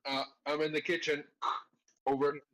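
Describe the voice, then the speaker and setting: A man in casual chat on a group call, heard through a phone from his kitchen, with a thin, tinny sound and no bass, like a walkie-talkie. He jokes along in radio talk. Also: little pitch movement, normal speed, fairly bright tone. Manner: jokey, ending lines with radio talk like "over" and "ten four".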